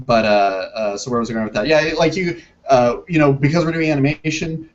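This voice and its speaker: Guy on a video call, kinda muffled lo-fi sound, lots of ums and restarts, filmmaker being interviewed. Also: medium pitch. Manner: hesitant, many restarts and fillers. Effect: heard over a video call that breaks up. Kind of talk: interview conversation.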